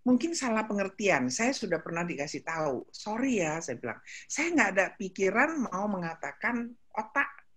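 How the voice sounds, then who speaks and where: Older lady preaching to women, lots of stories, breathy voice, pitch jumps all over. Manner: chatty storytelling, animated, switches into English. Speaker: speaker at a women's ministry meeting. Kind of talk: sermon.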